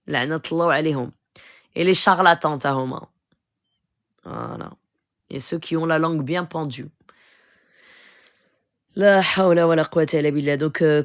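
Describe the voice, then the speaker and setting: A woman, speaking in a low voice on a live stream. She gives earnest spiritual advice as a healer, pressing her listeners to act. She recites each phrase slowly and deliberately, with a gravelly edge.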